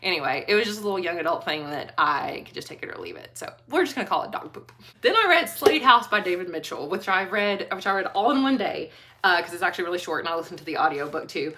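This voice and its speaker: Woman, casual book vlogger, animated and giggly, clear bright tone. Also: lowish voice, fast, slight background noise. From Kentucky. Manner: chatty, animated, laughs often, trailing restarts. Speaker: school librarian book reviewer. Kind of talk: casual book review vlog.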